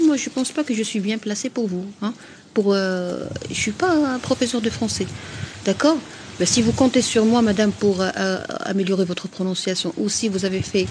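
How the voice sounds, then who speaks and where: A woman's voice: mid-range voice, darkish tone, a little hiss or hum. A woman doctor from Morocco hosting a live stream, answering viewers' comments frankly, with frequent fillers and restarts.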